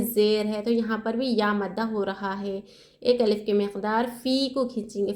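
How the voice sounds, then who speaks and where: A woman teaching Quran recitation step by step. She asks her own questions and answers them, and she spells out letters slowly. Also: fairly high pitch, darkish tone. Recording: echoey room.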